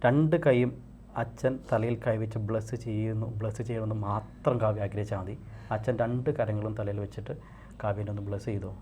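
A man working as a hypnotist, guiding a session with repeated soothing commands and slow counting. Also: fairly low pitch, steady tone, dark tone, slight background noise.

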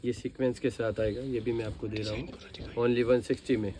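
An Indian man selling to viewers in an eager, urging, informal teleshopping pitch. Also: level tone, moderate pace, noisy background. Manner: eager, urging sales patter, repeatedly addressing viewers. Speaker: fabric seller and channel host.

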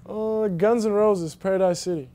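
Sitting in a deserted indoor arena, a young German college basketball player answers interview questions casually. He sounds hesitant, often restarting and filling gaps with ums. His mellow voice runs a bit high for a man.

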